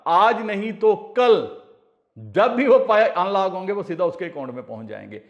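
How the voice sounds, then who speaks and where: A man's voice: sits high, lively intonation, moderate pace, highs cut off. A man from India hosting a casual advice vlog, talking earnestly and repeating his warnings over and over, pleading personally with his viewers. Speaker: crypto channel host.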